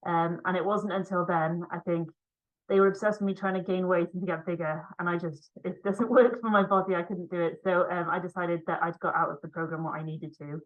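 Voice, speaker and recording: A woman's voice: lowish voice, fairly even intonation, brisk, highs cut off. A woman from Cardiff with a slight Welsh accent, giving a conference talk over a video call in a conversational way with frequent ums. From Wales. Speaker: physiotherapist and para rower presenting online.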